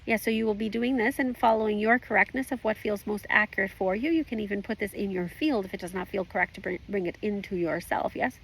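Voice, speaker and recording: A woman voicing a calm, formal spirit guide as a seance medium, with creaky voice, stilted phrasing and questioning tags. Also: mid-range voice, quick pace, few pauses, slight background noise, close to an everyday voice, rough recording. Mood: calm, instructive. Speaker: trance channeler at a group session. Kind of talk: trance channeling, spiritual guidance.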